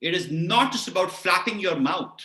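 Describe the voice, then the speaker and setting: A man with an Indian English accent giving an animated webinar talk on public speaking, often putting questions to his listeners. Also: high-pitched, moderate pace, echoey room. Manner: animated, lots of vocal variety, keeps asking the audience questions.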